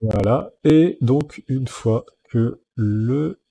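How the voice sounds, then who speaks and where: A man hosting a screen-recorded software tutorial, explaining each step plainly with many small fillers. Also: mid-range voice, very slow, vocal fry, slightly rough.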